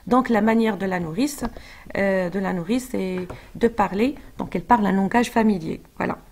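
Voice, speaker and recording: A woman's voice: medium pitch, moderate pace, a little mellow. A woman French teacher, explaining a literary passage and checking in with her class. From Morocco. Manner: explanatory, checks with frequent "d'accord?"; hesitant, with fillers and restarts.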